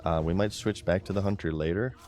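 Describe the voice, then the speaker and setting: Male streamer, deep voice, excitable chatty play-by-play with soft music underneath. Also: fairly quick. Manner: excitable, chatty, talks to his chat. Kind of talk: live gameplay commentary.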